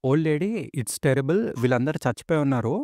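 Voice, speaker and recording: A man's voice: medium pitch, a little fast, dark tone, no echo, clean studio sound, natural voice. A man voicing a frightened young boy who pleads and apologizes in a retold story. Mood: scared. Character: young boy, frightened then grief-stricken.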